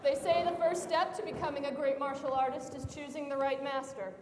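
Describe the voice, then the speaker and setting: A woman's voice: high-pitched, little pitch movement, fairly quick, natural voice. A woman playing a stern, mysterious secret agent who guides a young hero. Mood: solemn. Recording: echoey hall, faint noise.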